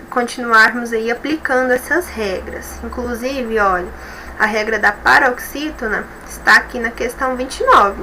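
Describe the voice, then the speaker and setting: A woman teacher with a Brazilian Portuguese accent explains each step slowly and patiently, checking again and again that her students follow. Her voice is bright and sits a little high. A faint hiss runs under the recording. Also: rough recording. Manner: slow, explanatory, repeats rules and checks with "tá bom?". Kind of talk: recorded school review lesson.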